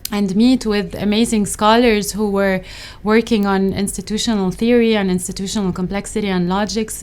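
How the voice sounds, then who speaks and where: Middle-aged woman academic from Lebanon, resonant clear tone, measured interview answers with frequent pauses and ums. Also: medium pitch. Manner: thoughtful, hesitant, many fillers and restarts. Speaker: associate professor.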